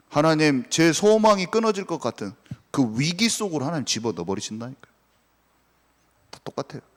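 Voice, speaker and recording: A male pastor preaching a sermon with passion, dropping to a hush and then rising again. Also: a little high, in a large hall. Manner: impassioned, swings between hushed and raised.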